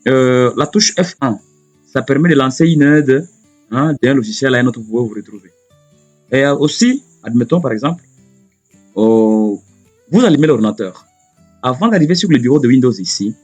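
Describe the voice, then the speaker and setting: A man giving a spoken computer lesson, explaining slowly and step by step, often repeating himself and pausing on fillers. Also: mid-range voice, darkish tone. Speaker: computer teacher.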